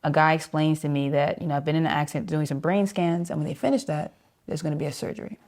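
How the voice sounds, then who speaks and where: A woman's voice: deep voice, fairly even intonation, quick pace, darkish tone. A woman saxophonist being interviewed, telling a story vividly and acting out the voices of people she quotes. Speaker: jazz saxophonist guest.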